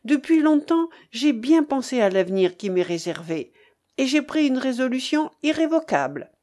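A resolute young daughter, earnest and passionate, her voice bright and high with lively swings, as a woman reading the book brings her to life. She speaks with firm, heartfelt conviction. This is a storybook reading. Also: normal speed. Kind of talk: audiobook character reading.

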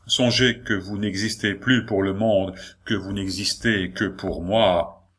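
A man playing a booming, contemptuous nobleman. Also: fairly even intonation, slow, a bit bright, full character voice. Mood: threatening. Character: cold, domineering nobleman, middle-aged man.

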